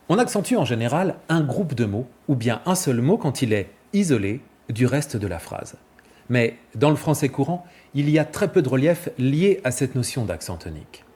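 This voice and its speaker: A male vocal coach giving a clear, didactic scripted explanation and demonstrating examples. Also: mid-range voice, darkish tone.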